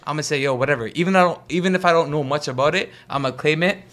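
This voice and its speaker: A man's voice: on the high side, rapid-fire, fairly bright tone. A man, chatting casually as a podcast guest and repeating phrases for emphasis. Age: 20s. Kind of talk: casual slangy group chat.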